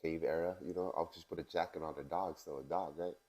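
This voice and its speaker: A young man co-hosting a casual podcast, relaxed and teasing, laughing easily. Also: deep voice, fast. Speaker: podcast co-host. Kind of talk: casual chat.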